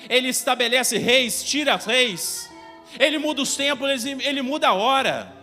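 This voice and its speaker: A man with a Brazilian Portuguese accent preaching a sermon as a pastor in a church, fervent and repetitive, building up to shouted peaks. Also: extremely high pitch, lively intonation, normal speed, long reverb tail, soft background music. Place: church sanctuary.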